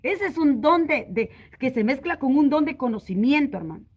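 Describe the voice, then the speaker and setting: High-voiced woman evangelist telling a testimony. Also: normal speed, low-quality recording. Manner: animated storytelling, addresses listeners as brother constantly. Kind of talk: testimony sermon.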